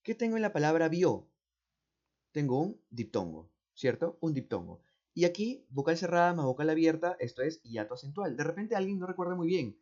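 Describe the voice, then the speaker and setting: A man with a Peruvian accent explains exam answers step by step, speaking slowly, repeating words and often checking with "¿no?" or "¿cierto?". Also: fairly high pitch, sing-song, darkish tone. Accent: Peruvian Spanish. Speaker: teacher. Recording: dull, muffled audio.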